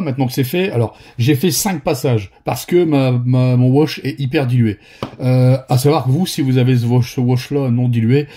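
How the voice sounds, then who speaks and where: A man's voice: mid-range voice, mellow, slightly rough. A man from northern France with a Ch'ti accent, giving a casual painting tutorial in a rambling, friendly way with many fillers and restarts. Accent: northern French (Ch'ti).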